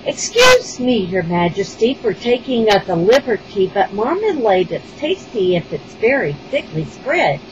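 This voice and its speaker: A woman's voice: big pitch swings, a little slow, hardly any pauses, highs cut off, background noise. A woman voicing a timid young dairy maid who speaks politely and shyly to the queen. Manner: shy and apologetic, high and polite.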